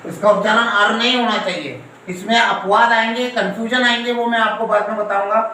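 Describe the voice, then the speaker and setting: High-voiced male teacher in echoey room. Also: fairly even intonation, brisk, bright, forceful tone. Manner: explains step by step, quizzes students. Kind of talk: classroom grammar lesson. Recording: echoey room, distant mic, faint hiss.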